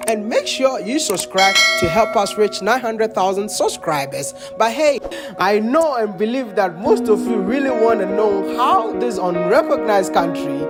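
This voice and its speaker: Chatty travel vlogger from Ghana. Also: male voice, sits high, expressive, a little slow, loud music behind the voice. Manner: upbeat, chatty, asks curious questions. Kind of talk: casual travel vlog narration.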